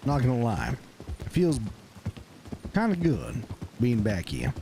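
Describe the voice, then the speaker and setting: A man, speaking gruffly and bluntly in character during a roleplay game stream, swearing often. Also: mid-range voice, huge pitch swings, slow, dark tone, slight background noise.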